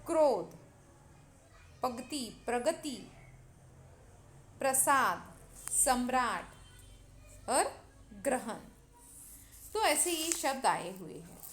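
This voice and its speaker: A woman teacher giving a grammar lesson, spelling words out syllable by syllable and addressing her students directly. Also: sits high. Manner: slow, spells out syllables one by one.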